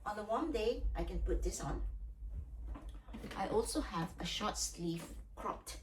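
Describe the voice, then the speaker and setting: Recorded from a distance with a little background noise, this Malaysian woman does a casual packing vlog as a solo traveler, explaining things plainly one step at a time. Her medium-pitched voice is animated, with a measured pace.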